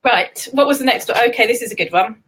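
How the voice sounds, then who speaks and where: A woman's voice: a little high, quick pace, fairly bright tone, husky. A woman with an English accent hosting a casual live-stream chat, giggly and chatty, laughing often. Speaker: host.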